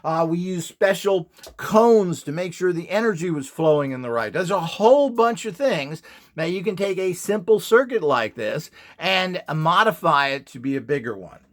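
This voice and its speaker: Pitched high and expressive at a normal speed, this male presenter pitches radionics devices in an opinionated, informal talk. His delivery is scornful and forceful, full of rhetorical questions and mimicked quotations.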